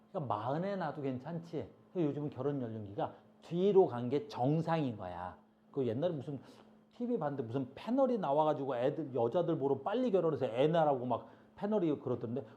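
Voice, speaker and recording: Lively middle-aged man lecturing a class. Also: fairly high pitch, a little fast. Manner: keeps asking "알겠니?" to check understanding; lively, chatty, scolds students in passing. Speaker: high school biology teacher. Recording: dull lo-fi classroom recording.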